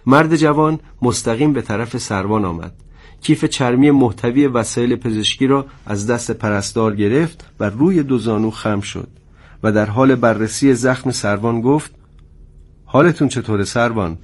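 A man narrating a dramatic story in a measured, tense way. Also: mid-range voice.

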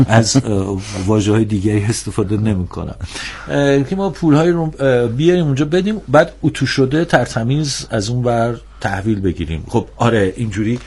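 A man in a TV studio panel discussion, talking at an ordinary pitch for a man. He is earnest and critical. He pauses often and stretches his filler sounds while he gathers his thoughts. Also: darkish tone, breathy edge. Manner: hesitant, with many drawn-out filler sounds. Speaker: guest on a discussion show.

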